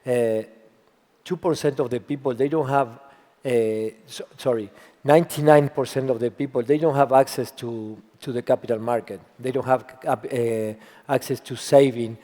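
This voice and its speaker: Hoarse, yelled-out man in an echoey hall. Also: mid-range voice, fairly even intonation. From Argentina. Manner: halting, repeats and restarts phrases. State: hoarse from yelling, voice worn out. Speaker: panelist, agricultural token entrepreneur. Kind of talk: conference panel answer. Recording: echoey conference hall with long reverb.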